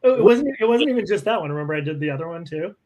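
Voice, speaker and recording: A man's voice: a little high, lively intonation, racing, a little mellow, lo-fi sound. A man, a film historian guest in a casual chat, with an easygoing, chatty manner.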